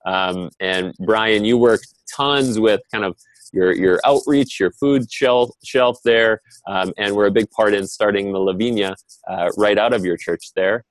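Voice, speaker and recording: This man moderates an online panel via video call in an easygoing, conversational manner. His fairly low voice is unhurried, and the dry recording has poor audio quality.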